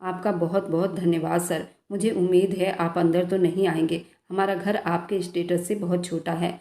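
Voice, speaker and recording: A woman's voice: on the low side, level tone, normal speed, dark tone, natural voice. A playful young office girl, as a woman reads her. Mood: polite. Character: chatty, playful young female office worker. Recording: echoey room.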